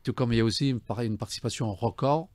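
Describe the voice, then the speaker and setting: A man, a guest in a studio radio interview, formal and enthusiastic, filling pauses with "euh" and "donc". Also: medium pitch, darkish tone, no room sound. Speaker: guest, book fair commissioner. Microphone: studio desk mic.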